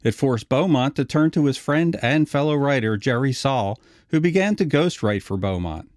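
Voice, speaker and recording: A man's voice: medium pitch, expressive, normal speed, darkish tone, dry recording, clean studio sound. A man narrating a scripted retrospective video essay.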